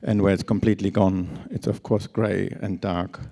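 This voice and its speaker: In a lecture hall, a conference speaker on instrument certification talks at normal speed in a low, flat, creaky voice with a dark tone. Worn scratchy by long travel, he hesitates often, restarting sentences and leaning on fillers.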